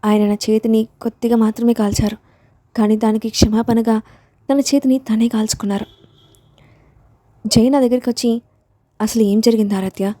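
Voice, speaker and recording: A woman's voice: on the high side, little pitch movement, normal speed, long pauses, dark tone, dry recording. A woman narrating a story in the first person, with an emotional storyteller's delivery.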